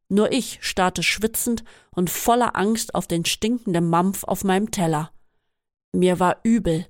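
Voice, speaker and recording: A woman reading a first-person memoir aloud in a steady, measured way. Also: mid-range voice, no echo, clean studio sound. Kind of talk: scripted first-person narration.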